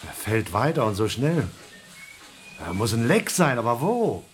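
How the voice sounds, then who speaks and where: An actor voices a crewman in space who is running out of air, firing off urgent questions with alarm and agitation in a radio drama. He speaks at medium pitch, very animated and a little slow.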